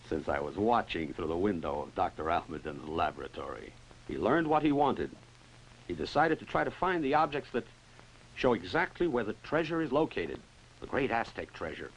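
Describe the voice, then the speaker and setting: An actor playing a grave eyewitness in a dubbed old horror film, telling the tale in a solemn, measured, declamatory style. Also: male voice, on the low side, big pitch swings, slight background noise, rough recording. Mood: grave, earnest. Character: grave male eyewitness recounting an ancient curse. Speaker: film narrator.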